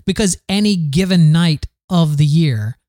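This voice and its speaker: A man's voice: a little high, unhurried, mellow, dry recording. Candid rambling man with a dry sound. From American South. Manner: candid, rambling, frequent restarts and fillers. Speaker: podcast host. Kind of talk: casual solo podcast monologue.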